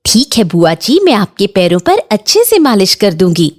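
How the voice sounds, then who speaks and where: A woman's voice: medium pitch, sing-song, normal speed. A woman voicing a polite young daughter-in-law in a cartoon, eager to please. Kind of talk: Hindi cartoon voice acting.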